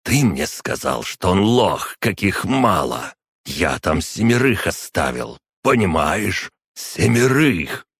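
A man's voice: deep voice, very animated, slow, gravelly, a bit bright, slightly rough, no room sound, clean studio sound, voice pushed up, full character voice. A man voicing a furious young man, a general's son, who hisses in a half-whisper that breaks into growls. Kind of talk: audiobook character voice.

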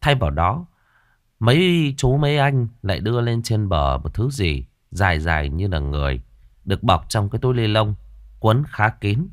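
Lively male storyteller. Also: lowish voice, normal speed, no room sound, studio quality. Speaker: audiobook narrator. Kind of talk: storytelling narration.

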